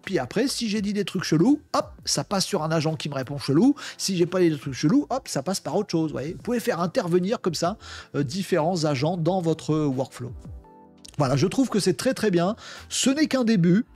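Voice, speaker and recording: A middle-aged man hosts a relaxed software tutorial, chatty and full of small acted-out exchanges. His voice sits a bit high for a man. He often pauses on fillers as he thinks aloud. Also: slightly rough, faint music behind. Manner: chatty, animated, acts out little mock dialogues; hesitant with frequent fillers. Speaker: tech tutorial host. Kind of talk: casual screen-share tutorial.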